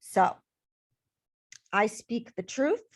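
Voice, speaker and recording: A woman's voice: fairly high pitch, sing-song, extremely slow. A woman life coach talking casually to camera in her vlog, emphatic and repeating words for stress.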